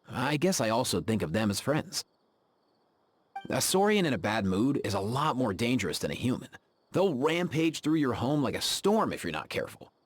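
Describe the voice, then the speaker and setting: Ifa is a game character, a laid-back young veterinarian who keeps saurians, voiced by a man with a mid-range voice. His voice acting is easygoing and friendly, punctuated by frequent laughs.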